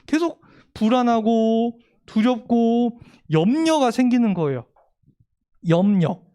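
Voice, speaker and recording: A woman teaching a children's sermon in a church, animated, asking the children questions and acting out worried voices. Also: fairly high pitch, slow. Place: church room with children present.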